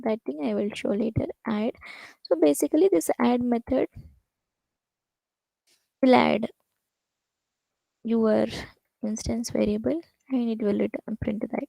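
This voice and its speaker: A woman with a high voice full of heavy vocal fry leads a programming lecture. She talks fast and circles back on herself with fillers, and the sound is dry and close, with no room around it. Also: mellow, no room sound, rough recording. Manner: explains with many restarts and "basically", "like" fillers. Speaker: programming instructor.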